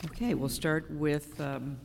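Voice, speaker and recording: A man's voice: fairly high pitch, steady tone, unhurried, gravelly. A man speaking as a presiding judge in formal courtroom proceedings. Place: large courtroom. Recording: reverberant hall, faint noise.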